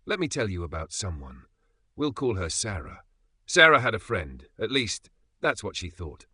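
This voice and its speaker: Male narrator, low and punchy, for scripted motivational voice-over; deliberate emphatic phrasing, recorded dry and close. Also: big pitch swings, sharp tone, breathy edge, no room sound. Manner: measured, emphatic delivery with dramatic pauses. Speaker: channel narrator.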